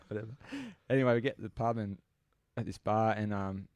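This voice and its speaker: A man's voice: lowish voice, steady tone, a little fast, a little mellow, no echo. Rambling Australian man telling crude stories. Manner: rambling, crude, laughing storyteller. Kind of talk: casual storytelling chat.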